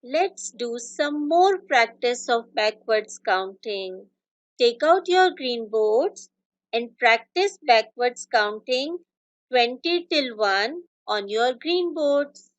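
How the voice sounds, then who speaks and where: Very slow, high-pitched Pakistani woman teaching children. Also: lively intonation, muffled recording. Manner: kids' show host, addressing children in simple phrases; slow, deliberate, instructional delivery. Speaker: kindergarten maths teacher. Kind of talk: scripted lesson for young children.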